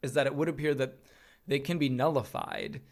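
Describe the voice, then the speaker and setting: A man in his thirties chats casually as a podcast co-host, spinning his points out in an animated, storytelling way. His voice sits at an ordinary middle pitch. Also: a little fast. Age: 30s. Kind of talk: casual chat.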